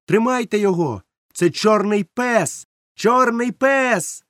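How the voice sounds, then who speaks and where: An excitable young cabin boy calls out in a raised, eager voice, as a male narrator puts him on. The sound is close and dry. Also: high voice, moderate pace, dry recording, pitched above the performer's own voice. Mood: alarmed shouting.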